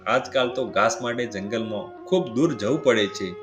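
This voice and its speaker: A meek, devout young man, as a male narrator voices him, speaking plainly and gently. The voice sits in a roomy space with clear music behind it. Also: medium pitch, normal speed, close to an everyday voice. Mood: pleading.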